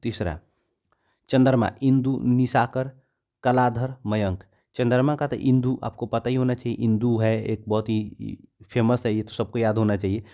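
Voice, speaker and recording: A man's voice: medium pitch, fairly even intonation, moderate pace, warm tone. A man with a Bihari Hindi accent teaching an exam-prep grammar lesson, repeating words and often checking whether students understood.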